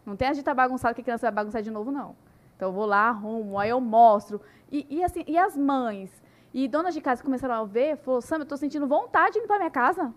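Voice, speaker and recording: A young woman telling her story in a casual podcast chat, animated and full of "né" tags. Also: a little high, fast talker. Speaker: podcast guest.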